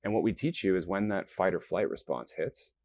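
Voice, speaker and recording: A man's voice: low voice, lively intonation, a little fast, vocal fry, darkish tone. A man being interviewed as a company founder, explaining earnestly and acting out the thoughts of nervous people. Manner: earnest, explanatory, acts out quoted self-talk. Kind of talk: interview conversation.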